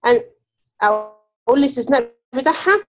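Quick Egyptian woman teaching recitation. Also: high-pitched, expressive. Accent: Egyptian Arabic. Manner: asks students questions and waits. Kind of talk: online lesson on recitation rules.

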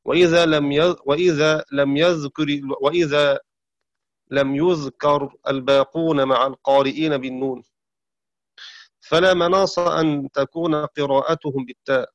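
A man teaches the variant readings of Quranic verses in a careful, methodical way, slowing to chant each verse. His voice sits a little high for a man. The recording is dry and somewhat dull. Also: steady tone, dry recording. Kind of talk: scholarly lesson on Quranic readings.

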